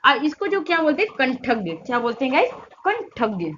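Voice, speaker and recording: A woman's voice: high voice, animated, a bit bright, dull audio, a little hiss or hum. A woman teaching Hindi grammar for competitive exams. She keeps asking her students questions, answers them herself, and draws out the vowel sounds to show how they are made. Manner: repetitive call-and-response questioning; drawn-out demonstration of vowel sounds. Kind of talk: exam-prep grammar lesson.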